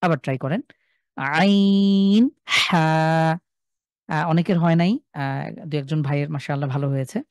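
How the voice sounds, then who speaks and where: A man's voice: fairly high pitch, steady tone, normal speed, pauses often, dry recording. A man with a Sylheti Bengali accent teaching a live online class, patiently drawing out and repeating each sound for his students. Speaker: Quran recitation teacher.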